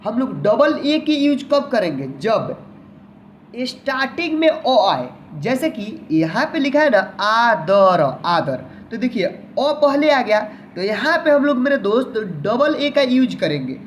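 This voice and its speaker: A man's voice: very high voice, very animated, measured pace, slight background noise. A man teaching an online lesson in a patient manner, who repeats each word several times and often addresses the viewer as his friend.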